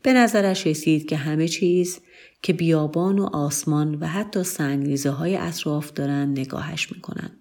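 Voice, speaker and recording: Low voiced woman reading a story aloud, calm and measured. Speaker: narrator.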